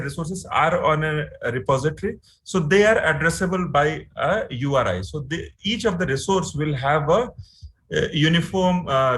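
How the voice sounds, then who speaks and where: A man's voice: fairly high pitch, a bit bright, low-quality recording. Indian man teaching a technical class. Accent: Indian English. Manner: explanatory, many "uh" fillers and "right?" checks. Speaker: instructor. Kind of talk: online training lecture.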